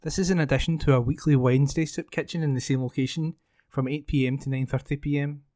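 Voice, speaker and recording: A man's voice: mid-range voice, fairly even intonation, quick pace, warm tone, dry recording. Man reading news in a dry room. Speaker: volunteer newspaper reader. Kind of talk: reading news articles aloud.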